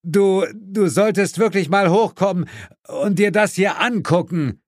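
A man's voice: medium pitch, animated, measured pace, no echo, voice pushed up. A male narrator voicing a level-headed male partner who speaks in a dry, matter-of-fact way, in an audiobook.

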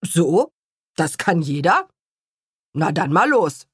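A woman voicing a boastful, cheerful father who performs a clumsy magic show, announcing slowly and grandly in a husky voice. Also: a little high, very animated, a bit bright, no room sound, studio quality, voice pushed up, heavily acted. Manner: slow, grand showman's announcing.

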